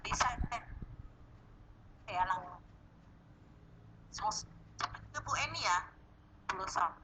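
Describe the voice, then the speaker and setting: A woman moderating an online session, her voice cutting in and out on a bad video call connection, speaking in halting fragments. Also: mid-range voice, expressive. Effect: choppy, breaking-up video call audio. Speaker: moderator of an online teachers' workshop. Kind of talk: formal session hosting. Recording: muffled video call line with static.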